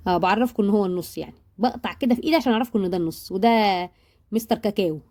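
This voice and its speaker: A woman's voice: mid-range voice, very fast, darkish tone. A woman with an Egyptian accent, chatting to viewers as a baking vlogger, joking while she shows off her purchases. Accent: Egyptian Arabic. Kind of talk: casual chat to viewers.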